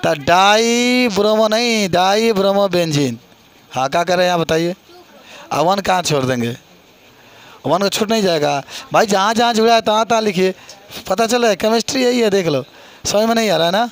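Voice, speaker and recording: The speaker is a middle-aged man whose high-pitched voice moves fairly quickly, carrying an eastern Uttar Pradesh Hindi accent. In a chemistry classroom, he quizzes pupils and repeats their responses with encouragement.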